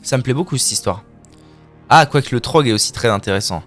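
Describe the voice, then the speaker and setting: Animated streamer man. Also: medium pitch, fast talker, faint music behind. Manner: playful, crude trash talk and mouth sound effects. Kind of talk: live gameplay commentary.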